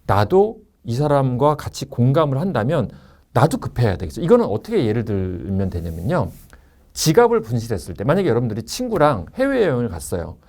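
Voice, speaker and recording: A middle-aged man teaching an online sales course, acting out customers and staff in quick asides. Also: medium pitch, wildly swooping pitch, darkish tone. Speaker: sales trainer and lecturer.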